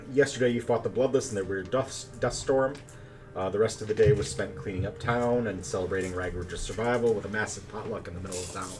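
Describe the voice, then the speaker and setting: A man running a tabletop game as game master, narrating in a relaxed, chatty way with plenty of fillers. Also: on the low side, fairly quick, soft background music. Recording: distant mic, faint background noise.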